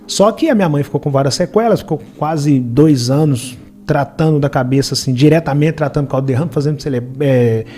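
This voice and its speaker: A middle-aged man from Minas Gerais speaks with a Minas Gerais accent, his voice slightly raised in pitch and mellow in tone. He tells a life story earnestly and reflectively, and faint music plays softly beneath him. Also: brisk. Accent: Brazilian Portuguese, Minas Gerais. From Minas Gerais, Brazil. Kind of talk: personal storytelling in an interview.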